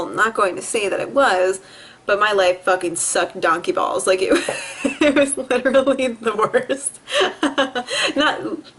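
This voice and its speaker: A young New Jersey woman rambles to her camera at home in a profane personal vlog, laughing a lot and acting out the things she quotes. Her voice is lowish, slightly rough, with a bit of brightness.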